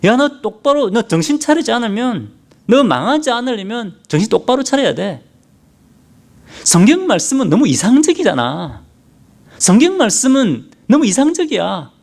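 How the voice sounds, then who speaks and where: A mocking male Satan sneers and goads in a raised voice, voiced by a man in his sermon. His tempting lines leap up and down in pitch as he talks down to his target. He stays a scornful tempter throughout. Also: big pitch swings, normal speed, vocal fry, a little mellow, full character voice. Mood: taunting. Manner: mocking, goading, talks down to the listener.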